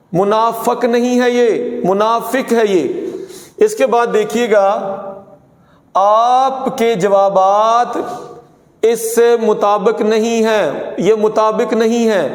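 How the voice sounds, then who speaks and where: A man teaching a pronunciation lesson, saying words slowly and contrasting wrong and right forms. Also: sits high. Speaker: Urdu teacher. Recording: echoey room with long reverb.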